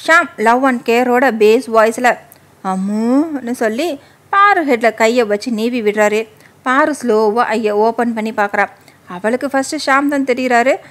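A woman's voice: a little high, unhurried, fairly bright tone. A woman narrating a serialized story in a casual reading style, mixing in English words and voicing every character's lines in her own voice.

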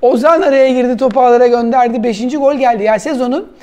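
A man giving excited, partisan football commentary from a studio, cheering for his own team. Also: very high-pitched, rapid-fire. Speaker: football commentator on a club fan channel.

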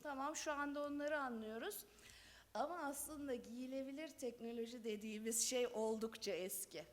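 A woman's voice: on the high side, normal speed. A middle-aged woman speaking at a lectern microphone in a large conference hall, giving a chatty, conversational law talk with light laughter. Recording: long hall reverb.

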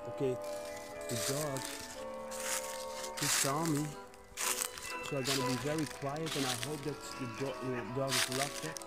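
Over loud music, an urban exploration vlogger in his twenties talks casually to camera, full of slang and addressing viewers as bros. His medium-pitched voice stays steady, a little slow, with frequent pauses. He films in woods next to an abandoned building, using a phone on a selfie stick held at arm's length.

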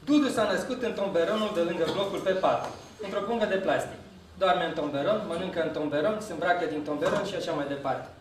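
A man giving a live reading of his poetry to an audience, in a dry, deadpan manner. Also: high voice, noisy background. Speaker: poet reading his work. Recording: very echoey hall, voice from far off.

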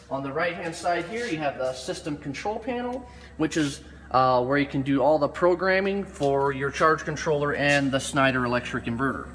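Man, thirties, installer explaining equipment, middle pitch, long echo, faint hiss. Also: fairly bright tone. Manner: plain explanatory, with fillers. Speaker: solar installer. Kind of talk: equipment walkthrough. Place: metal-walled pole barn.

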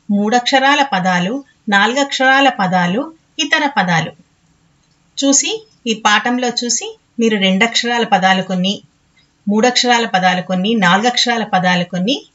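A woman with a Telangana Telugu accent teaching a grammar lesson to young children, slowly and patiently, often repeating words. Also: fairly high pitch, fairly bright tone. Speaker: primary school Telugu teacher. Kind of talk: classroom lesson explanation. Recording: slightly dull lo-fi audio.

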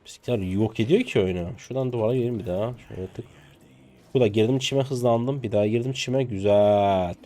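A Turkish streamer in his twenties comments live on his own gameplay. He's excitable and jokey, swearing casually and letting out sudden high yelps.

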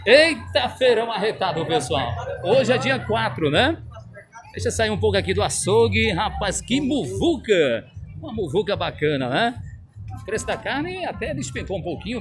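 A man with a Northeastern Brazilian accent walks an open-air market, talking to vendors and his viewers. His voice swings lively up and down, and he laughs easily between price calls. Music plays clearly in the background. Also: high-pitched. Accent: Northeastern Brazilian Portuguese. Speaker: vlogger touring a street market. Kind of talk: casual market walk-around vlog. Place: outdoor street market.

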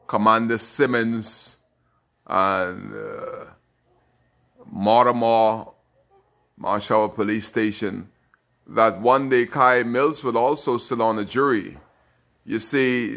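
Older Bahamian man, very slow delivery, indignant, emphatic, phone selfie message. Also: medium pitch, a bit bright. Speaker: local elected official. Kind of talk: direct-to-camera social media message. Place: bright indoor room. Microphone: phone held close, selfie framing.

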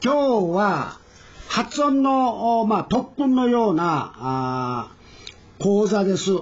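A man teaching Korean pronunciation in a recorded lesson, slowly drawing out each vowel sound as he demonstrates it. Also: sits high, husky. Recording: dull lo-fi recording.

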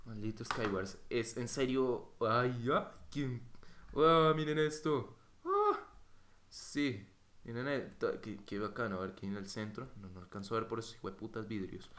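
Young Colombian man, gameplay commentator; sharp bright voice, roomy mic, jumpy and profane. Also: on the low side, moderate pace. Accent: Colombian Spanish. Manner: excitable, swears, bursts into yelps. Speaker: gaming youtuber. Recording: bright roomy home mic with faint noise.

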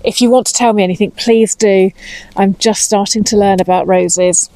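A woman's voice: mid-range voice, steady tone, moderate pace, warm tone, dry recording, poor audio. A woman in her fifties with an English accent, chatting casually to camera on a lapel mic while pruning in her garden, a little anxious. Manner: chatty, slightly anxious, talks while working. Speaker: vlogger. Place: outdoor cottage garden.

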